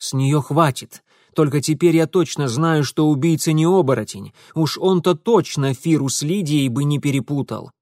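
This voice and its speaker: A man's voice: a little high, moderate pace, a little mellow, no room sound, studio quality, lightly acted. A man voicing a reckless young man who answers in curt, blunt retorts. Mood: irritated.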